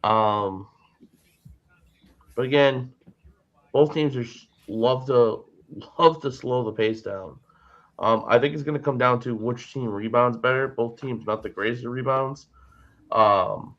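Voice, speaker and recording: A man's voice: medium pitch, measured pace, long pauses, lo-fi sound. A sleepy man in casual betting chat, reeling off team stats before he makes his pick. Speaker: co-host.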